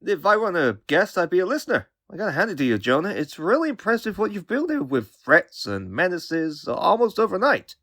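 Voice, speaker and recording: A man's voice: sits high, sing-song, fairly quick, few pauses, fairly bright tone, exaggerated voice. A man voicing a young wisecracking superhero in a comic book dub, earnest, sarcastic and easily riled. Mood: friendly. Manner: quippy, sarcastic, youthful.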